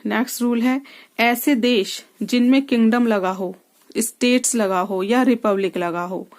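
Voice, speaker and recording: Woman teaching English grammar, higher voice. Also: fairly even intonation, unhurried. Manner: explains step by step, asks the class questions. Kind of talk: classroom grammar lesson.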